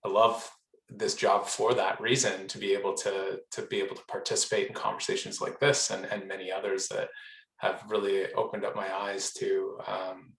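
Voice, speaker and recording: A man's voice: deep voice, flat delivery, normal speed, gravelly, fairly bright tone, roomy sound, poor audio. A man taking part in an online workshop discussion, speaking reflectively and hesitantly with frequent ums, over a video call. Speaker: program participant.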